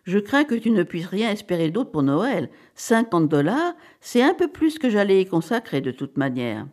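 A woman reading the part of a cheerful, self-satisfied middle-aged dentist who teases his wife, with a lively voice. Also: medium pitch, moderate pace, natural voice. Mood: smug.

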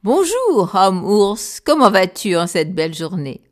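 A woman's voice: mid-range voice, very animated, a little slow. A woman voicing a poor, determined young male viking in a storybook, speaking earnestly.

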